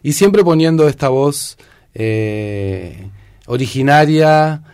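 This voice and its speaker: A man with an Argentine accent hosting a casual radio show, relaxed and hesitant, with many fillers. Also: on the high side, slow pace, clean tone. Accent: Argentine Spanish. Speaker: radio host.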